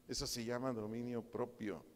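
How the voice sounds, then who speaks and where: Un pastor con acento mexicano que predica un estudio bíblico en tono conversacional y hace preguntas a la congregación. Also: male voice, mid-range voice, fairly even intonation, normal speed. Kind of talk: sermon Bible study. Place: church hall. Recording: reverberant church hall.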